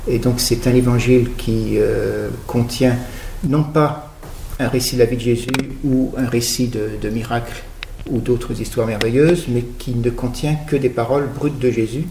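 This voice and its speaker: A middle-aged man from Guadeloupe, an author interviewed on radio, speaking in a measured, explanatory way with occasional hesitations. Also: mid-range voice, steady tone, vocal fry, dark tone, reverberant, slight background noise. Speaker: author guest.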